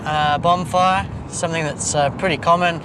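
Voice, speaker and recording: Higher-voiced man, broad Kiwi accent, street noise. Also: fairly even intonation, moderate pace. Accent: broad New Zealand. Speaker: police officer on patrol. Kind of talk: casual on-the-job talk. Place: on the street and in a patrol car. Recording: noisy outdoor street and vehicle sound.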